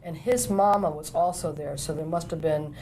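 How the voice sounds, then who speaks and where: A woman's voice: low voice, moderate pace, warm tone, faint music behind, poor audio. A woman psychic medium giving a client a reading in an intense, insistent, questioning way, like a mind reader.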